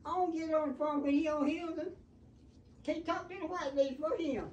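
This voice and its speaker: A woman's voice: high voice, fairly even intonation, moderate pace, a little mellow, dull audio. A woman in her nineties with a Southern Alabama accent, talking casually in a feisty, blunt, scolding way with family. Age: 90s. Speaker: grandmother. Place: small living room at home. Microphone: phone camera across the room. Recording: distant phone microphone, roomy, faint noise.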